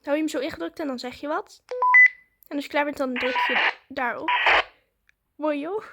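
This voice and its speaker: Her high-pitched, gravelly voice moves at a normal speed with fairly even intonation, and the audio is very noisy. She's a vlogger talking informally to viewers, narrating her actions as she performs them.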